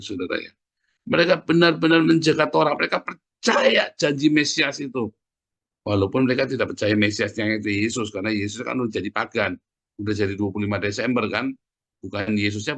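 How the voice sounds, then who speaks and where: A middle-aged man preaching a sermon, often adding "Saudara ya" and dropping from loud peaks to quiet asides. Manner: conversational preaching, often tagging phrases with "Saudara ya"; swings from loud emphatic peaks to low asides.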